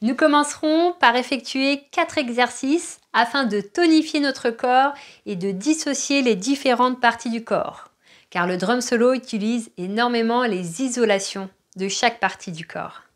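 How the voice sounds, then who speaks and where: A woman's voice: on the high side, measured pace. A woman with a French accent teaching an online dance class, calling out moves and counting the rhythm.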